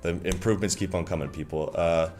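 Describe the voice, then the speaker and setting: Very deep-voiced chatty stream host. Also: male voice, fairly even intonation, fast talker, a little mellow, faint music behind. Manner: upbeat, chatty, lots of affirmations. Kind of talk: livestream interview hosting.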